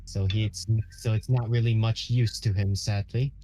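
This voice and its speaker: Man, tabletop player, mellow dark tone, musing, hesitant. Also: fairly low pitch, fairly even intonation, normal speed. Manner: musing, hesitant, thinks aloud. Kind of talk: casual tabletop game play.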